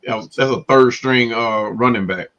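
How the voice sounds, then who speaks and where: A man's voice: medium pitch, fairly bright tone. Guy stumbling over names, kinda muffled lo-fi sound. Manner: halting, searches for names. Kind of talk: casual live watch party chat. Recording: slightly dull lo-fi audio.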